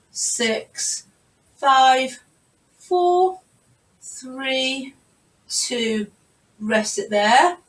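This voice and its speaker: A woman with a high, somewhat bright voice teaches a live Pilates class over a video call from her home, encouraging students and counting reps aloud. The audio is roomy and distant.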